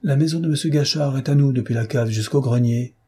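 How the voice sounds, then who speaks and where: An obsequious male courtier, put on by a man eager to please his master. The pitch lifts well above the reader's own and keeps a husky edge. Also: fairly quick, a little mellow, natural voice. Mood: fawning.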